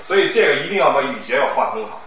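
A man's voice: mid-range voice, animated, very fast, fairly bright tone. Chatty teacher man, echoey hall sound. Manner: chatty, teasing, laughs often. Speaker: recitation teacher. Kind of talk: classroom coaching and Q&A. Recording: echoey, distant, muffled room with noise.

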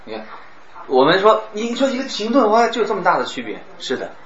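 A man teaching a class on speaking, lively and demonstrating words with exaggerated stress and pauses. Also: sits high, a crowd in the background. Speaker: speech teacher. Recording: roomy, dull, some background noise.

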